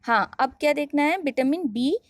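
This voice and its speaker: A woman's voice: high-pitched, expressive, normal speed, no echo. Woman teaching biology. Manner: repeats questions and answers them herself, drills terms. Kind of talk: online lesson.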